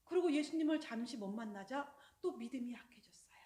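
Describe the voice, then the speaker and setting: A woman telling a children's sermon story in an animated way, addressing the children directly. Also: on the high side, a little fast. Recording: roomy echo.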